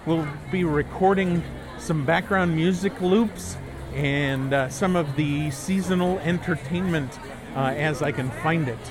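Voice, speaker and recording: A man hosting a casual walk-around chat outdoors, rambling in a halting way. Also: a little high, music in the background. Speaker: podcast host. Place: outdoors walking through a busy theme park. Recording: outdoor park noise and crowd.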